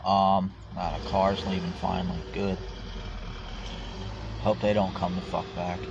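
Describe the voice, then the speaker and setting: A man's voice: low voice, level tone, measured pace, vocal fry, background noise. A homeless man ranting to his phone camera outdoors, swearing a lot and restarting his sentences, on dull lo-fi audio. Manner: angry, swearing, stammering restarts. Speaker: homeless vlogger. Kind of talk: profane rant to camera.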